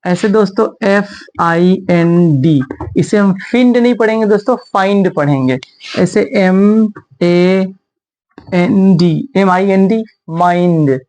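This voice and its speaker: A man's voice: high voice, slow, darkish tone. Male teacher, patient and explanatory, spells each letter and repeats example words for an online lesson. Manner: addresses viewers as friends in a patient, explaining tone. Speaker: English pronunciation teacher. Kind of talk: video lesson.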